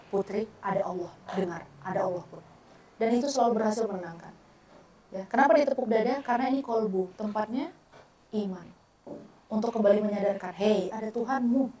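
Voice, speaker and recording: A young adult woman giving a religious study talk to women, lively and conversational, acting out dialogue as she teaches. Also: medium pitch. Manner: lively, mixes casual asides and acted-out dialogue. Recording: echoey hall, mic at a distance.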